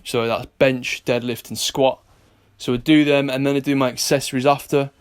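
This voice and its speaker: A British man chats straight to his viewers in a relaxed vlog, mid-pitched and ordinary in tone. He is blunt and jokey, swearing freely as he gives fitness tips. Much of it is recorded indoors at a gym. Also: normal speed, clear, resonant tone. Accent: British English. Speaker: vlogger and personal trainer. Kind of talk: casual vlog chat.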